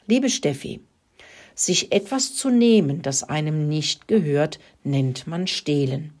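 A woman voicing a gentle, wise little female creature in a storybook reading, patiently explaining. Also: low voice, expressive, takes it slowly, full character voice. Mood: lecturing. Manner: patient, lecturing.

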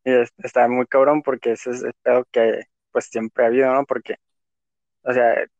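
A man with a Mexican accent in casual conversation, talking in a relaxed, slangy way with plenty of swearing and filler. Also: medium pitch, moderate pace, vocal fry, no room sound. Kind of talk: casual chat. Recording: dull lo-fi recording.

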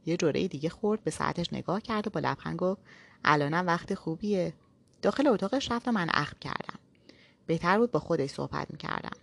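A woman narrating a novel aloud in the first person, in a steady storytelling manner. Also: on the low side, gravelly.

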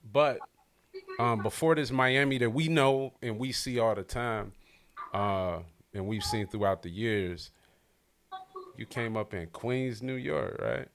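A man's voice: medium pitch, slow pace, vocal fry, a bit bright, slight background noise. A man hosting a casual hip-hop podcast, talking loosely and hyped with lots of slang. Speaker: podcast host. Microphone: livestream podcast setup.

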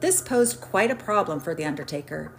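A woman with a fairly low voice narrates a story with wry, dramatic timing. Clear music plays under her narration throughout. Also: animated, a little fast. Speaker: podcast host.

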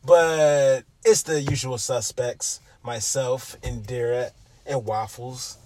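A man with a husky voice hosting a casual podcast chat in a laid-back, stoned manner. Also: fairly even intonation, slow pace, darkish tone. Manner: laid-back stoner talk, openly high. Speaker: podcast host.

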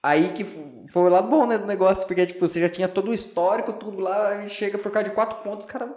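A woman's voice: mid-range voice, fast, a little mellow, reverberant. A woman interviewer who chimes in with short agreements and comments during the conversation.

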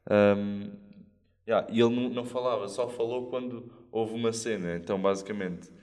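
Deep portuguese guy chatting on a podcast, loose and rambly, lots of fillers. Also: fairly even intonation, moderate pace, darkish tone. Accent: European Portuguese. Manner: rambling storyteller, many fillers and slang. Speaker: podcast host. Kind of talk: casual chat.

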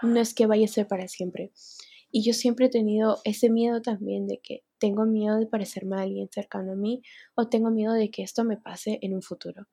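Young woman vlogger, husky and mellow, speaking openly and unscripted. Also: mid-range voice, fairly even intonation, moderate pace. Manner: candid, emotional, near tears at times. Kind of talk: unscripted personal vlog.

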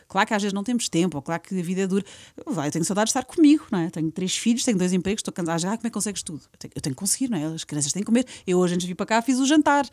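A woman's voice: on the high side, dry recording, studio quality. A Portuguese woman in her thirties, a podcast guest, chatting casually in a European Portuguese accent and acting out the lines she quotes. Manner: animated storyteller, acts out quoted lines. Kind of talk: casual chat.

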